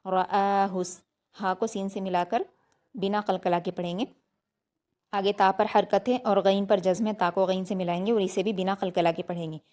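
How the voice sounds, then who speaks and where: A woman teaching recitation step by step, reading each word slowly and repeating it, then explaining it patiently. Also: medium pitch, fairly even intonation, warm tone. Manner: slow, drawn-out recitation between plain explanations.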